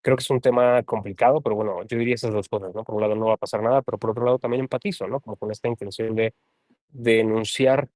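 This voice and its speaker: Low-voiced Mexican man, thoughtful. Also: fairly even intonation, fast, a little mellow, no echo. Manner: thoughtful, hedging, often adds a questioning tag. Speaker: translator and guest. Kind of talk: casual conversation.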